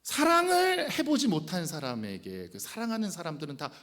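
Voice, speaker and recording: A male pastor in his forties preaches in a church with long reverb ringing behind his voice. His fairly high voice leaps up and down as he goes from exclamations to hushed whispers. He asks the congregation questions and acts out the people he quotes. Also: moderate pace. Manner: animated, swings from loud exclamations to hushed whispers. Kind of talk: sermon. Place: church sanctuary.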